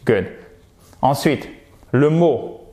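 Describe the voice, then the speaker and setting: A French-speaking man leads an online English pronunciation lesson. He talks in a lively, coaching way and models each word by saying it several times over. His voice sits at an ordinary middle pitch for a man. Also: very slow. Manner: lively, coaching, models words by repeating them. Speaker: English teacher.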